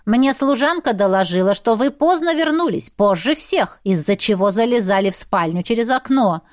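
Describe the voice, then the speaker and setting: A woman's voice: fairly high pitch, animated, normal speed, close to an everyday voice. Woman putting on a stern, suspicious old man. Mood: accusing. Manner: accusing, official tone. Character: stern older man, a suspicious host interrogating guests.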